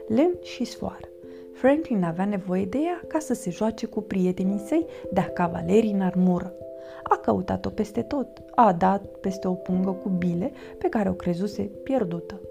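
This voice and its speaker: Lady reading a kids' story, lively, music going behind her. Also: creaky. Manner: lively, voices the characters with raised pitch and volume. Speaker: storyteller reading children's books. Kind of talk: reading a children's story aloud.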